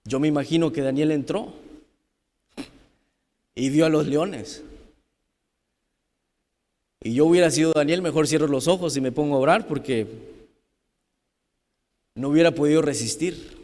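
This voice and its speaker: A man preaching a sermon, building to loud, fervent peaks. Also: on the high side, measured pace, long pauses. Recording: long hall reverb.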